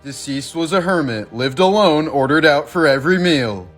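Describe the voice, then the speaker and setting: A man reading creepy facts and stories in a measured, scripted narration. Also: a little high, lively intonation, faint music behind.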